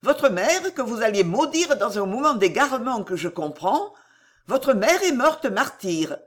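A woman voicing a cold, scheming noblewoman who speaks slowly and solemnly, with a calm, implacable, insinuating tone. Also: fairly high pitch, pitched above the performer's own voice. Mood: coldly persuasive. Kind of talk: audiobook reading.

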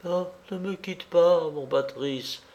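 A man voicing a frightened young woman trapped in the dark, pleading in a raised, trembling voice. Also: a little high, slow, voice pushed up.

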